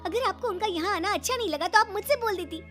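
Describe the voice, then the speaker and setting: A woman's voice: very high voice, fairly even intonation, unhurried, soft background music, voice pushed up. A woman voicing an indignant young daughter-in-law in a cartoon. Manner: indignant, complaining. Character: upset young daughter-in-law, quick to anger.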